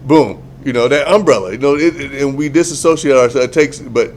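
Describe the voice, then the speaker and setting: A man co-hosting a podcast in easygoing chat. His speech rambles, stalls and restarts, and often sinks into a low mumble. A faint rumble sits under the recording. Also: a little fast. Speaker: podcast co-host.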